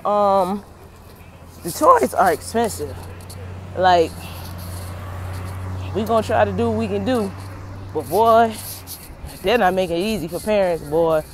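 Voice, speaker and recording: A woman's voice: medium pitch, unhurried, pauses often, a little mellow. A woman vlogging casually on her phone while walking outside, talking straight to her viewers, chatty and folksy, and out of breath. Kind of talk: casual vlog talk to camera. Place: outdoors, walking near traffic at night. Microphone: handheld phone. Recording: faint outdoor traffic noise.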